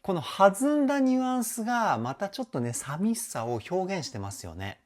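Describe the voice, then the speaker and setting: A man's voice: high-pitched, big pitch swings, moderate pace. A man who works as a vocal coach hosts a reaction video, explaining singing technique step by step with eager admiration. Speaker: vocal coach and YouTube host. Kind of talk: voice analysis reaction commentary.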